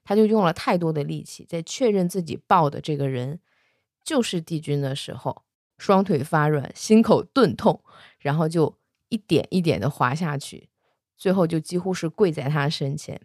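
A woman casually retelling a fantasy romance novel, chatty, with soft particles at the ends of her sentences. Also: low-pitched, lively intonation, normal speed, dry recording, clean studio sound. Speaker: storyteller.

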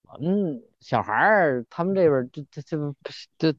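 A fairly high-pitched man, very animated as he trades teasing, colloquial banter. The sound is dry and slightly lo-fi. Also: normal speed, no room sound. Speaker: podcast co-host. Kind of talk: casual comic banter. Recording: dull, lo-fi, dry close sound.

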